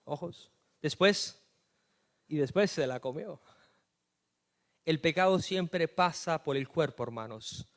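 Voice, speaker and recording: A man preaching a sermon as pastor, telling stories and swinging from hushed asides to loud emphatic lines. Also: a little high, animated, takes it slowly, pauses often.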